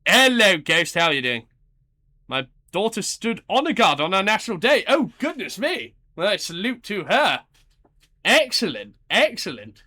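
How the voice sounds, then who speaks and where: A man's voice: medium pitch, sharp tone. A man live streaming a game, chatting politely and reading out viewers' messages as he plays. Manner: chatty, polite, reads chat aloud. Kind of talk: casual gameplay chat with viewers.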